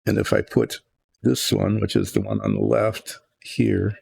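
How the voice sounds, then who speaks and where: An older man talks his way through painting models in his home workshop, rambling and thinking aloud as he goes. His voice sits low and rough with a husky, gravelly edge. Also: big pitch swings, measured pace, a little mellow. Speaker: hobby painting host. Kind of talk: relaxed workshop chat while painting.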